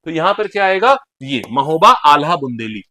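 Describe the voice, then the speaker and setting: A male teacher giving an animated exam-prep lecture, talking straight to his students and acting out dialect phrases. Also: fairly high pitch, normal speed.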